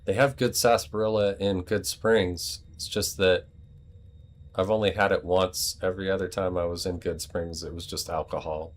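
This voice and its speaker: An American man giving casual, rambling gameplay commentary with joking asides. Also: low-pitched. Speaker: let's play host.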